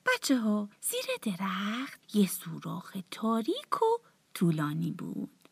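A woman telling a bedtime story to children in a soft, often half-whispered, tender voice. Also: medium pitch, wildly swooping pitch, gravelly, slightly rough, no room sound.

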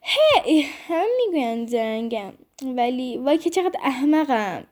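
A woman voicing a chubby, greedy, hungry male fox in a children's bedtime story, whining and exclaiming, even talking to his own growling belly. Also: high voice. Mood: self-pitying.

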